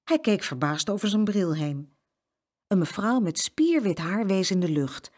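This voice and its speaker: A woman reading a children's story aloud with an expressive, lively delivery. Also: medium pitch, measured pace.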